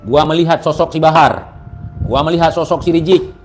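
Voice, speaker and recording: A man with a high-pitched voice delivers a heated monologue, mocking and animated. He drops to quiet asides, then bursts out loud. Faint music plays underneath. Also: brisk. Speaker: religious commentator.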